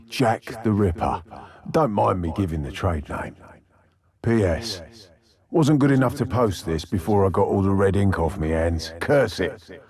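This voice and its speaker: An actor playing a menacing, deranged Victorian serial killer in a video game, husky and gravelly, with a theatrical, taunting delivery. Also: male voice, medium pitch, a little mellow, dry recording, studio quality, full character voice. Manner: theatrical, taunting, drawn-out delivery swinging between murmur and roar. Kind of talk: video game villain voice acting.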